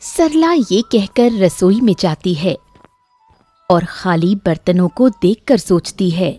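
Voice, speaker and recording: A woman giving scripted storybook narration for an animated moral tale, in a steady, even storytelling manner. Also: medium pitch, slow pace, soft background music.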